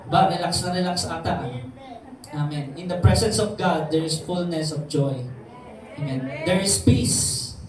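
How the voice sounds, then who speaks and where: A man preaching a sermon as pastor, talking conversationally and often asking the congregation questions. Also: high voice. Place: church hall. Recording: very echoey hall, distant mic, faint noise.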